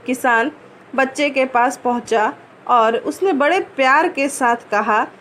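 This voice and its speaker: A woman's voice: high-pitched, fairly bright tone, slight background noise. A woman teacher reads a children's story aloud, stopping often to ask and explain what words mean. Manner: pauses to ask and answer word meanings.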